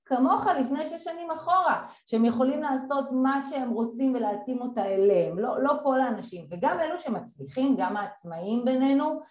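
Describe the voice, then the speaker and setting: A woman speaks as the guest expert in a conversation. She explains things in a measured way and often pauses on fillers. The sound is roomy and echoey. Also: sits high, lively intonation, a little mellow. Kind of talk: casual conversation. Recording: roomy echo.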